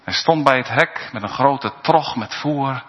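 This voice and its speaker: A man delivers a sermon at a slow, deliberate pace, pausing between phrases and lifting his voice on key words. His voice carries with a long reverb through a church. The recording sounds dull and lo-fi. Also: medium pitch. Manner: slow, emphatic preaching with pauses and rising calls. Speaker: preacher.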